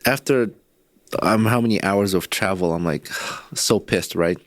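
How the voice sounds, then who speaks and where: A man's voice: low-pitched, measured pace, no echo. A man co-hosting a casual podcast, telling a long story with profanity and frequent laughs. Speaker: podcast co-host.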